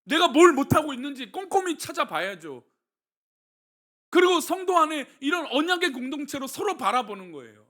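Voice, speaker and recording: A man's voice: very high-pitched, big pitch swings, moderate pace, sharp tone. A middle-aged male pastor giving a conversational sermon, often putting questions to the congregation.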